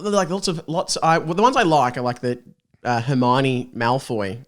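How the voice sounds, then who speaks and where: A man with a mid-range voice speaks at normal speed while hosting a podcast. The talk is casual comedy chat, with him reading his own old fan fiction aloud self-mockingly and often laughing.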